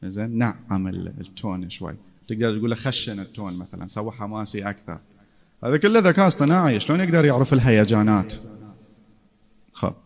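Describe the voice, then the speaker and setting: A man's voice: fairly low pitch, fast talker, creaky, a little mellow. A man giving a casual classroom lecture, conversational and often checking in with his listeners.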